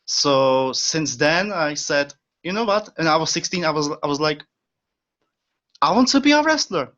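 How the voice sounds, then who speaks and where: In this casual interview chat, an eager young podcast guest from the Czech Republic talks in his second language, English, with a Czech accent, filling gaps with fillers and brief laughs. His voice sits a little high, with lively intonation, a moderate pace, and a fairly bright tone, captured in dull lo-fi sound.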